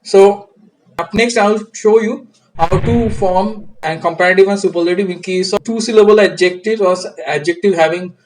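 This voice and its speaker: A man's voice: high-pitched, normal speed, a little mellow, a little hiss or hum, low-quality recording. A man teaching an English grammar lesson, explaining patiently and checking in with "right?" as he goes. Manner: patient, repeats "right?" and "crystal clear".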